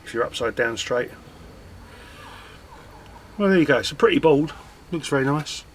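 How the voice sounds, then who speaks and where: With a slight hiss or hum in the recording, a man speaks animatedly at a moderate pace in a medium pitch. He's a scrapping vlogger salvaging old computer parts in his garage, chatting casually, muttering to himself and making fun of himself.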